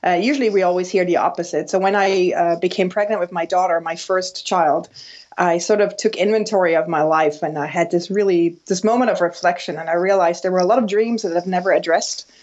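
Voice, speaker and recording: A woman, a guest on a podcast, tells her story in a reflective, relaxed way. Her voice sits a little low and comes over a dull, lo-fi line. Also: brisk. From Switzerland. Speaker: guest, designer and entrepreneur. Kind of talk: casual interview.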